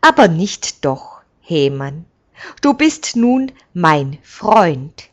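A woman voicing an old male village elder who speaks in a firm, measured and kindly commanding way. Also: lowish voice, sing-song, exaggerated voice. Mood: warm.

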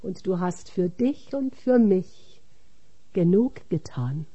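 A woman reading a religious text aloud, measured and solemn. Her pace is very slow and her voice dark and mellow. Each phrase is set apart with care. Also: on the low side, lively intonation, husky, dull audio. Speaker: reader.

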